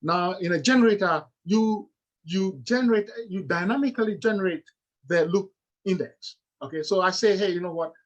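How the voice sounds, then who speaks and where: A man's voice: high-pitched, normal speed, dull audio. A middle-aged man with a Ghanaian accent gives a lecture-style presentation, explaining step by step with frequent "uh"s and "okay"s.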